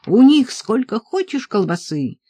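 A reader voicing a male king who loudly rallies his subjects, read in a storybook. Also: mid-range voice, sing-song, measured pace, breathy edge, no echo, voice pushed up. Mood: rousing. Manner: loud, rallying. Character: commanding male king rousing a crowd.

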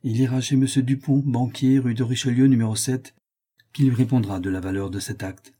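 A man's voice: mid-range voice, fairly even intonation, fairly quick, mellow, breathy edge, natural voice. A man reading the part of a stern old count who speaks curtly and coldly.

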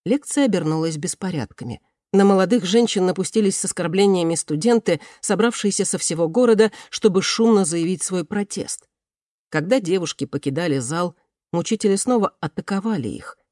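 An audiobook narrator reading a period novel in an even, measured way. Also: medium pitch, no echo, studio quality. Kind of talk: scripted narration.

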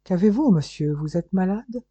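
A man's voice: on the high side, fairly quick, dark tone, husky, no room sound. A man reading a swindler who speaks with raised, feigned concern in a storybook reading. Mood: feigned alarm. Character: smooth falsely worried male swindler. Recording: dull lo-fi recording.

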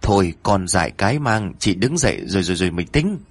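A man voicing a calm, practical older village woman who speaks in a slow, measured way. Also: low-pitched, slightly rough, no room sound, faint music behind, full character voice. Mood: soothing.

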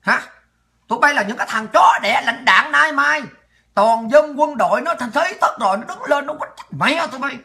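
A woman rants to her livestream audience in a very high, sharp and cutting voice. She is furious throughout, hurling insults and often shouting. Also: lively intonation, normal speed. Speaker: political livestream host. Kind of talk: angry political rant.

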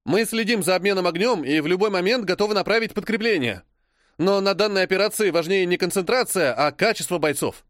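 A man voicing a young male army adjutant giving a rapid, formal military report. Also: high voice, fairly bright tone, dry recording, studio quality, voice pushed up.

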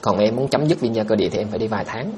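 A man's voice: fairly low pitch, expressive, very fast, a little hiss or hum. A man, hosting a livestream and answering viewer questions in a blunt, scoffing way. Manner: blunt, scoffing, reads out viewer comments and answers them directly. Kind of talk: casual livestream chat.

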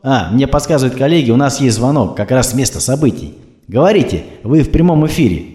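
A man's voice: medium pitch, very animated, quick pace, mellow, voice pushed up, lightly acted. A man reading the part of a male radio traffic presenter with an announcer's delivery. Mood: announcing. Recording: roomy echo.

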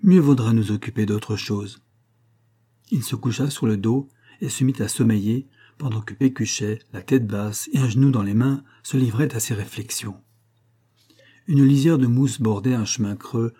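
A man's voice: normal speed, warm tone, breathy edge. A man reading a classic novel aloud, lifting his voice for the quoted dialogue. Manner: acts out dialogue with raised pitch. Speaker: audiobook reader. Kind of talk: literary audiobook narration.

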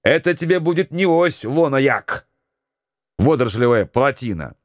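A boisterous young sailor, as a male audiobook reader puts him on, loud and teasing with his crewmates. The voice sits high and jumps about eagerly, clean and dry with no room sound. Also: expressive, moderate pace, dry recording, close to an everyday voice. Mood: grumbling. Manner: shouting, teasing, high-pitched. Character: excitable red-haired young sailor, loud joker.

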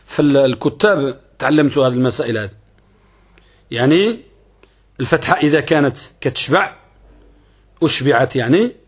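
A man's voice: fairly high pitch, breathy edge. A man with a Moroccan accent teaching Arabic grammar in a classroom lesson, asking and answering his own questions and repeating key terms.

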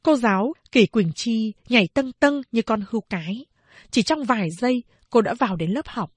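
Bright-voiced woman reading a novel aloud. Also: a little high, moderate pace, breathy edge, no room sound. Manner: lively, acts out scenes as she reads. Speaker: audiobook narrator.

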